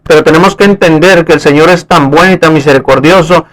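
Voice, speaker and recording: A man's voice: on the high side, fast talker, fairly bright tone, poor audio. A man sharing a testimony alongside his wife in an affirming, preacherly way. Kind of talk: conversational testimony.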